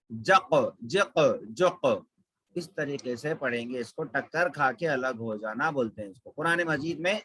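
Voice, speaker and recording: A man's voice: on the high side, bright, forceful tone, dry recording, rough recording. A man teaching Quran recitation, patiently repeating syllables to show each sound. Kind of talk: slow tajweed lesson with drilled examples.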